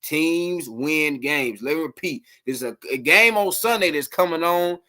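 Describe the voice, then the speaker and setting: A man hosting a casual late-night sports podcast livestream, rambling and animated, talking to his viewers. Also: a little high, unhurried.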